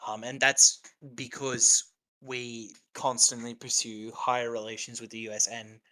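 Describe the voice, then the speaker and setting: A man's voice: medium pitch, sharp tone, low-quality recording. An Australian man hosting a casual podcast chat, rambling and hesitant, swearing freely. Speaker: podcast host.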